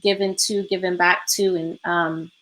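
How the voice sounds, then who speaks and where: This workshop facilitator has a lowish, flat voice and speaks a little slowly, with a slightly bright quality. She's running a reflective online healing session from home, full of ums and points that end in "right?". The recording is low quality.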